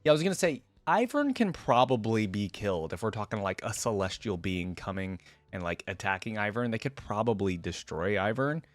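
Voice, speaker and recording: Hosting a reaction video, a man speaks briskly and animatedly in a lowish voice, with no room sound. He muses out loud and keeps his commentary informal and chatty.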